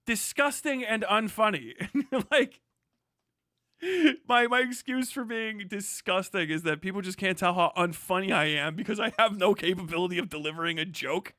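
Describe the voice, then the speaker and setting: In a casual livestream rant, a man who hosts streams and podcasts talks bluntly, with profanity and mockery. His voice sits high and sounds bright and forceful at a moderate pace. The audio is studio quality without echo.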